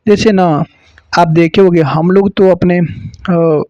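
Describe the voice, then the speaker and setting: A man from Uttar Pradesh teaching a grammar lesson for exam preparation, explaining slowly, repeating sounds and adding jokes. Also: high-pitched, fairly even intonation, no echo. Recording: dull lo-fi dry sound.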